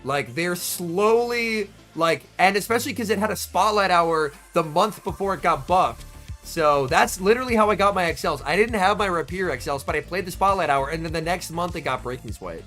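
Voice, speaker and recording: This young streamer, feeling a little under the weather, provides excitable, chatty commentary from a tournament watch party and addresses his chat by name. His voice sits high and moves fairly quickly, with faint music in the background.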